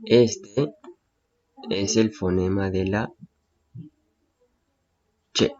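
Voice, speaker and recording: A man's voice: low voice, fairly even intonation, drawn-out words, darkish tone, dull audio. A male teacher patiently explaining phonetic symbols to students, repeating key points and checking understanding.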